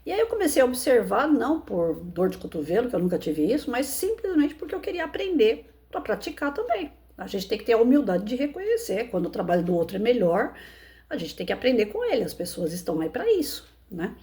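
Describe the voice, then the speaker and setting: A Brazilian woman, a schoolteacher, telling a personal anecdote in an expressive, emphatic way. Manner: expressive, emphatic storytelling with frequent pitch lifts. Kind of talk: personal anecdote told to listeners.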